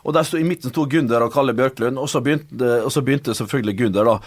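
A man, a former footballer, telling rambling anecdotes on a podcast with frequent laughs. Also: mid-range voice.

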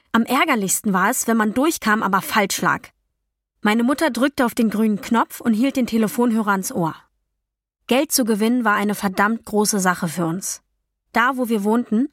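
A woman reading a first-person novel as an audiobook, in a calm, even storytelling voice with quiet dialogue voices. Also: medium pitch, no room sound, studio quality. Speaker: audiobook narrator. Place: dry recording booth. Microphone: close studio mic.

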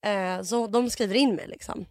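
A woman's voice: medium pitch, no echo, clean studio sound. A young woman co-hosting a podcast, telling a story animatedly with lots of fillers and acted-out quotes. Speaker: podcast co-host.

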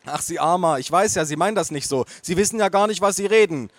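Man putting on a bossy patronizing nurse lady, higher pitched, dry close sound. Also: quick pace, dry recording, lightly acted. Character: brisk middle-aged female care-home nurse, patronizing.

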